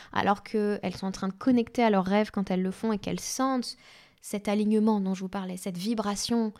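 A woman's voice: mid-range voice, a little mellow. A woman life coach talking in an enthusiastic, chatty podcast monologue with spiritual wording.

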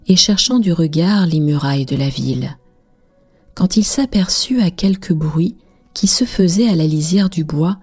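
A woman narrating a bedtime fairy tale in a calm, measured reading. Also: deep voice, slightly rough. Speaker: storyteller.

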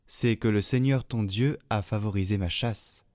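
A man reading the lines of a younger son who passes himself off as his brother, slow and measured. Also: on the low side, a little mellow, dry recording, lightly acted. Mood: earnest. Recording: dry, faint music behind.

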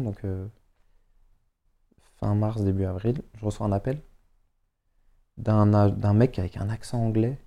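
A young man with a Paris suburbs accent, a footballer chatting as a podcast guest, slangy and animated as he acts out what people said. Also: lowish voice. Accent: Parisian suburbs French. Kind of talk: casual storytelling chat.

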